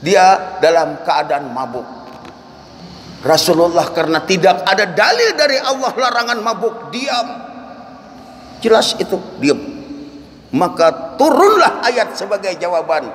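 A man preaching a dawn lecture in a mosque, telling stories with lively swings and chanting verses. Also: sits high, unhurried. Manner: animated storytelling with chanted Quran verses. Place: mosque hall. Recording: echoey hall, faint room noise.

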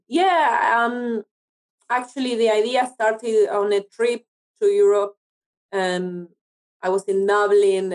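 An Argentine woman, a native Spanish speaker, is a guest in an interview; she's an actress and TV producer. Her voice sits at a medium pitch with a somewhat dark tone, and she speaks casually, often hunting for words. The recording quality is low.

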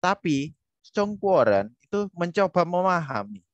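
A man's voice: sits high, big pitch swings, a little slow, dry recording, dull audio. A man on a discussion panel, answering a question emphatically and asking rhetorical questions. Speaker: panel speaker. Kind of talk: casual academic discussion.

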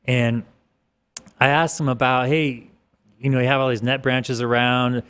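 A man in his mid-forties, a guest in a podcast interview, talking casually in a rambling way with restarts, on a desk boom mic in an office studio. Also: level tone, measured pace, fairly bright tone, clean tone. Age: 40s. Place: office studio with large windows.

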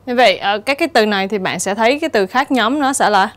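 A woman teacher giving a steady, explanatory exam-prep lesson and reading the answer options aloud. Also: medium pitch, fast. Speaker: English teacher.

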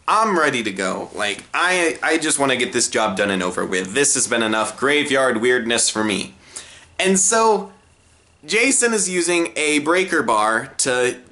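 A young man tells a personal story in a lively, sing-song voice that leaps around in pitch. His tone is bright and forward, dropping into low deadpan remarks and shooting up into exasperated cries. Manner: expressive, swings from low deadpan asides to high exasperated outbursts. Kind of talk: animated storytime narration.

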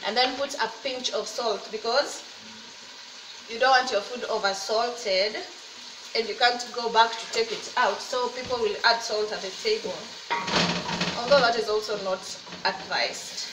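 A fairly high, fairly even voice, a little slow and over a noisy background, comes from a mother in her thirties filming herself cooking at home. She's chatty and cheerful, encouraging viewers with talk of faith along the way. Recorded on a laptop or phone camera at desk distance, it sounds roomy and slightly far off with faint ambience.

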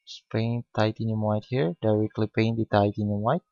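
A man giving a step-by-step painting lesson, speaking unhurriedly with many pauses and fillers. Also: fairly low pitch, steady tone, gravelly, dark tone, no echo. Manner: unhurried, hesitant with frequent fillers. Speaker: painting instructor. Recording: dull lo-fi recording.

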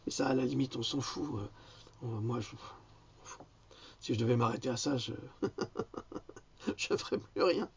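Gravelly, husky man ranting. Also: mid-range voice, measured pace, pauses often, highs cut off. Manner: indignant, insulting, hesitant with many fillers. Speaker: video commentator. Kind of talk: ranting political commentary.

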